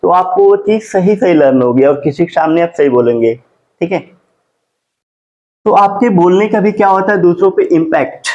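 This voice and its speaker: A fairly high-voiced male teacher gives a classroom grammar lesson. He keeps asking his students questions and answering them himself, and he stretches out his spelling of each word. The sound is dull and lo-fi. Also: darkish tone. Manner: drawn-out slow spelling of words.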